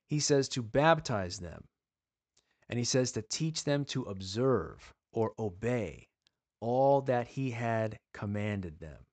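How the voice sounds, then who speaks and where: There's no echo on this recording of a man with a medium-pitched, darkish voice. He gives an earnest teaching in the style of a sermon, asking pleading rhetorical questions and slowing down to stress important words.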